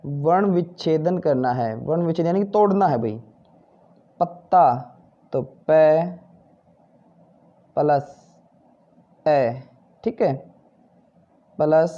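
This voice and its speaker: Heard through lo-fi sound, a man with a voice on the high side teaches Hindi from a textbook, patiently going through the exercises. He asks questions and then answers them himself, with frequent "ठीक है" and "भाई".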